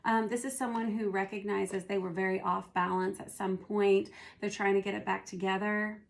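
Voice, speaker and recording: A tarot reader does a casual reading, thinking aloud as she turns each card. She is hoarse and losing her voice, speaking at medium pitch and normal speed with little pitch movement.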